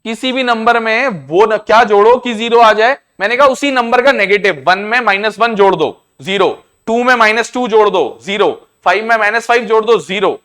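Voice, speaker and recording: A man with an Indian accent teaching a maths class, explaining each step slowly and repeating himself. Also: high-pitched, a bit bright. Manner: repetitive, explains step by step, often says "I said". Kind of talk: classroom lecture to students.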